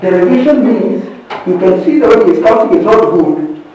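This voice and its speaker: High-voiced man teaching in an echoey room. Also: animated, moderate pace, mellow. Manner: emphatic, repeats key points, checks in with the group. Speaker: leadership teacher leading a group session. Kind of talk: interactive teaching session. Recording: echoey room, distant from the mic.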